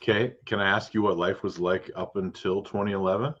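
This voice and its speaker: A podcast host who also works as a realtor runs a casual interview in a deep, steady, fairly bright voice with a slightly rough edge, captured with lo-fi sound. He's chatty, asks rambling questions he often restarts and rephrases mid-sentence, and offers quick acknowledgments.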